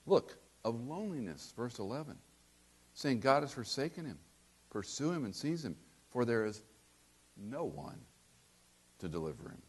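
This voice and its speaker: An older man preaching a sermon, asking rhetorical questions and acting out quotes. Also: medium pitch.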